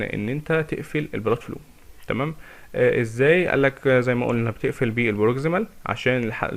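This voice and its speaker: Man, Egyptian Arabic accent, medical lecturer, rapid delivery, asks and answers his own questions. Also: mid-range voice, creaky. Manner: explains step by step with rhetorical questions, mixes English medical terms.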